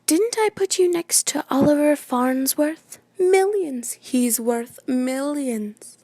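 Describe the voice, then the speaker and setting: A woman playing an excitable, imperious New York society hostess and mother in a radio play, chattering and dramatic. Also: sits high, takes it slowly, no room sound, full character voice. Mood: exasperated, gushing.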